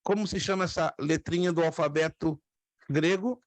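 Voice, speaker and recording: A man's voice: fairly high pitch, moderate pace, dry recording. A man from Brazil teaching a class on biblical Greek, patiently repeating words and asking students questions. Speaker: theology teacher. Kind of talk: classroom lecture.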